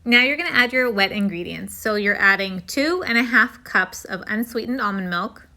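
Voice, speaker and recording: A woman's voice: medium pitch, expressive, normal speed, sharp tone. A woman hosting a home cooking video, talking through a recipe step by step in a casual, friendly way.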